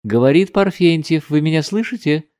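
A loud, gleeful man on the phone who can't stop announcing himself, his voice jumping high and singing out the words, as a male storyteller puts him on. The delivery is dry and close, with pitch that bounces all over. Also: expressive, moderate pace, no room sound, close to an everyday voice. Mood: insistent. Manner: loud, gleeful, sing-song. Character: overjoyed, pestering man phoning strangers.

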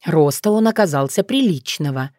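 Expressive woman narrating a fairy tale. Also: low voice, moderate pace, no echo, studio quality. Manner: expressive storytelling. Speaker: audiobook narrator.

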